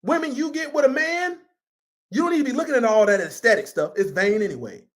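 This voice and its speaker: A man's voice: very high voice, lively intonation, quick pace. A man preaching a sermon in an emphatic, conversational style and repeating himself for force. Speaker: pastor.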